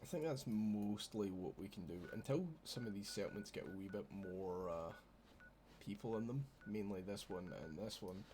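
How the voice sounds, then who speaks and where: A Scotsman's low, darkish voice carries his relaxed gameplay commentary at a moderate pace. He swears freely and banters with the people watching his stream, with slight background noise behind him.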